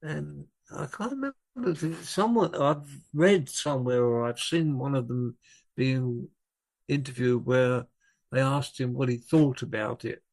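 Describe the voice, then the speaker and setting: Slow, gravelly older man. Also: mid-range voice, darkish tone. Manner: rambling, self-correcting anecdotes. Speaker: guest, rock drummer. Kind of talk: relaxed storytelling in conversation.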